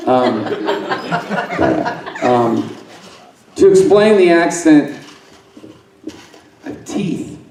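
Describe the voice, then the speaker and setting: A man's voice: a little high, expressive, very slow, long pauses, a little mellow, echoey room, recorded from a distance, low-quality recording. A middle-aged man from Alabama doing a loose, improvised stand-up set, profane and self-mocking, rambling with fillers and side remarks. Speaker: stand-up comedian. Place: conference center room with a live audience.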